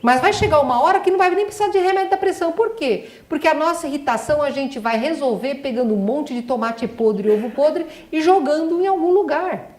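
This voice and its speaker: She speaks briskly and animatedly with few pauses, her high-pitched voice having a darkish tone. A middle-aged doctor, she gives an emphatic spiritual lecture full of rhetorical questions, recorded in an echoey hall.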